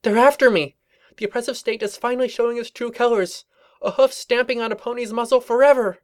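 A man's voice: fairly even intonation, a little fast. A man voicing a frantic, paranoid young female pony who is dramatic and overwrought. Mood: panicked. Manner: shrill and overwrought, warbling when singing.

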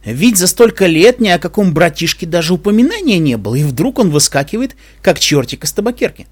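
Brief: male reader doing a witty male ship computer, animated and playful, a bit high. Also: fairly quick, slightly rough, heavily acted. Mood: serious.

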